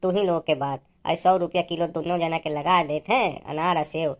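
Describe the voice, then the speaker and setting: A woman's voice: low voice, steady tone, normal speed, natural voice. A woman voicing a bald, pushy male village fruit seller in a cartoon, coaxing customers in a sing-song Awadhi accent. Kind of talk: cartoon voice acting.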